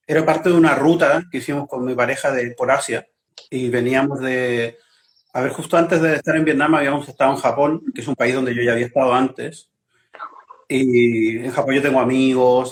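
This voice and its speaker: A man's voice: medium pitch, a little hiss or hum. Chilean-born man chatting on a video call. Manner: talkative, searching for words with many restarts. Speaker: guest. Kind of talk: casual video-call chat.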